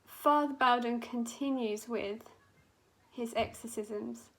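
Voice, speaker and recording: Young woman, makeup artist, unhurried and dramatic storyteller, a touch high-pitched, casual and sweary. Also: fairly even intonation, a bit bright, rough recording.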